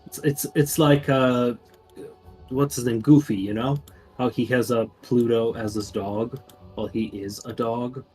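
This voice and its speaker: A man's voice: medium pitch, steady tone, unhurried, mellow, faint music behind. A man co-casting a game tournament, making dry, offhand quips in casual chat. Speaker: co-caster. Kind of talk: casual esports commentary.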